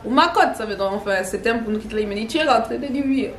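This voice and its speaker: A woman's voice: a little high, expressive, fast talker. A young woman tells a story to her viewers in a casual way. She repeats phrases and drops slangy asides. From Gabon. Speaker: online content creator. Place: home with children playing nearby. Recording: echoey room with faint background noise.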